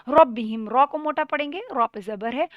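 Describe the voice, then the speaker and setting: A woman from Pakistan giving a Quran tajweed lesson, reciting each word slowly and drawn out before explaining the rules step by step. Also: sits high, no room sound. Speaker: Quran teacher. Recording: dull lo-fi recording.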